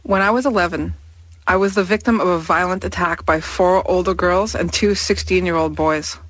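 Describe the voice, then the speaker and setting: A woman in her thirties reading her own personal essay aloud in a candid, wry, measured way. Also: fairly low pitch, fairly bright tone, dry recording. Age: 30s.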